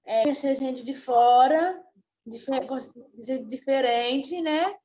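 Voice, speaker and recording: A woman from Pernambuco introduces herself over a video call. Her voice is high and she speaks very slowly, in short, hesitant phrases. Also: mellow. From Santana, Pernambuco, Brazil.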